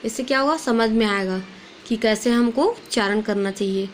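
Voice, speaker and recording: A woman's voice: on the high side, moderate pace, slight background noise. Woman teacher giving a lesson. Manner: asks questions and answers them herself; mixes English words into speech. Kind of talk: recorded class lesson.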